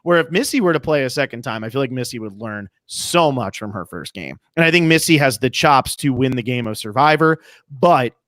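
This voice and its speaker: A man with a high-pitched voice hosting a casual, chatty TV recap podcast. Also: expressive, brisk, a bit bright, dry recording, studio quality. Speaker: podcast host.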